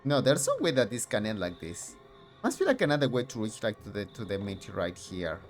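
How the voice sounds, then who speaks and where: Game streamer, rambling, filler-heavy, animated pitch, faint music behind. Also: brisk. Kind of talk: casual game commentary.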